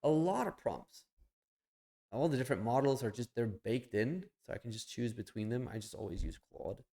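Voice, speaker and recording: Young guy on a live stream, blunt and sweary, thinking out loud, mid pitch. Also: expressive, normal speed. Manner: blunt and profane, thinking aloud while clicking around. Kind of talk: casual live stream chat.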